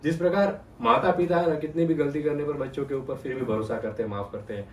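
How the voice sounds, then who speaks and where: A man's voice: on the high side, fast, slight background noise. A man giving a devotional discourse, retelling scripture and asking his listeners questions. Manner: animated, asks the audience questions. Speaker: spiritual storyteller. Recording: roomy sound from a distant mic.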